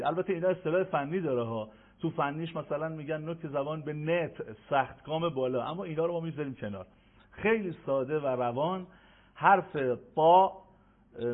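A man teaching Quran recitation in an online lesson, slowly drilling letter sounds for listeners to repeat. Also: on the high side. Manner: slow, emphatic drilling of sounds for repetition. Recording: tinny phone-like audio.

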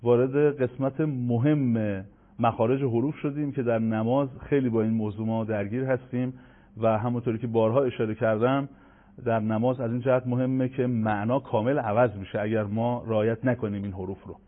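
A man teaching Quran recitation on a radio lesson, explaining step by step and drawing out sounds slowly to demonstrate them. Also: mid-range voice, fairly even intonation. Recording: phone-like radio broadcast.

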